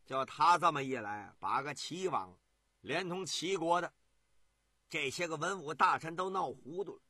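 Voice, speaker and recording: Bright, husky-voiced male storyteller. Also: a little high, moderate pace, no echo. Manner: lively, colloquial, asides to listeners. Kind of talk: pingshu storytelling. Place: radio studio.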